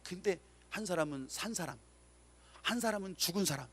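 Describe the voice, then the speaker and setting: Husky, a bit bright and high-pitched, the man speaks in an animated way and a little fast. He's a pastor delivering a sermon through dramatic stories, acting out the people in them with emphasis and asking for amens.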